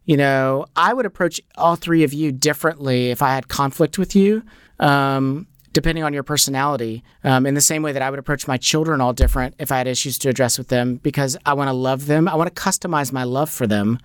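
A middle-aged man, an author, chatting as a guest on a radio show, animated and filling his talk with "like" and "you know.". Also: mid-range voice, fairly quick, smooth, no room sound, studio quality. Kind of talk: conversational radio interview. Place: radio studio.

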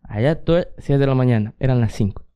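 A young man co-hosting a podcast, swapping stories in loose casual chat. His voice is mellow and smooth, and he laughs often and acts out what others said. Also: medium pitch, quick pace, muffled recording. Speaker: podcast co-host.

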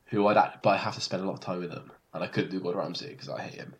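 Easygoing low-voiced man chatting. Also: rapid-fire. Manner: easygoing, laughs often, trails off mid-sentence. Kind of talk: casual chat.

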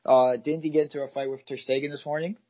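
A man's voice: on the high side, fairly even intonation, fast talker, dull audio, crowd noise. A man co-hosting a casual football podcast, rambling with many fillers and restarts. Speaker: podcast co-host, football fan. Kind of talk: casual chat.

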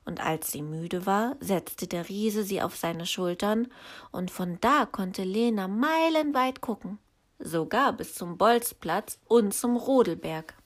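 A woman reads a children's story aloud in an unhurried, steady way, in a voice of middling pitch. Her telling is calm and measured, as if leaving time for young listeners to follow along. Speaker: teacher.

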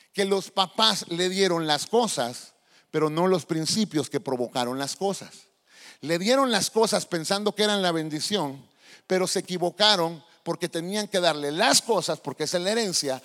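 A male pastor preaching a sermon, animated and asking the congregation questions. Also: sits high. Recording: long hall reverb.

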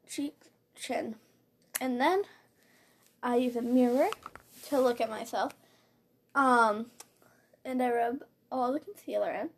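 A woman with a high voice hosts an informal tutorial, talking through each step in a chatty way as she works. She is recorded on a simple built-in laptop-style mic instead of a proper studio microphone. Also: darkish tone, breathy edge. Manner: chatty, informal, step-by-step narration while doing makeup. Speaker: host of a makeup tutorial show. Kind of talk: casual spoken makeup tutorial. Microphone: built-in device mic rather than usual microphone.

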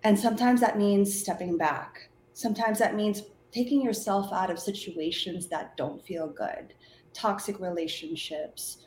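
A woman's voice: medium pitch, measured pace, darkish tone. A woman coach giving reflective interview answers as a guest, often checking in with a questioning tag. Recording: echoey room with faint noise.

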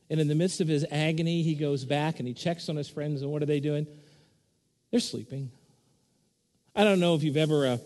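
A pastor delivers an earnest sermon, his voice swelling louder and higher as he builds force on repeated points. The recording carries the long reverb of a church hall.

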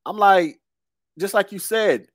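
A man in his forties hosting a casual podcast chat, telling stories in a relaxed way, laughing easily and repeating words as he thinks. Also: high voice, slow pace, no echo. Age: 40s.

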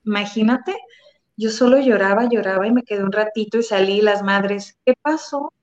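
A woman's voice: medium pitch, steady tone, normal speed. A woman talking earnestly and emotionally about love and tears, with many fillers. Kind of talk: spiritual conversation. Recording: dull lo-fi sound.

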